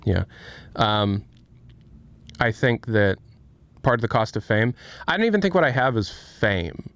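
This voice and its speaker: A man in his late twenties talks on a casual livestream, answering his chat openly and thoughtfully. He often breaks off and restarts mid-sentence. His voice sits a little low, smooth and clear, and it sounds close and dry. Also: very animated, a bit bright, no echo. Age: 20s. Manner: candid, reflective, halting with many restarts. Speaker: streamer.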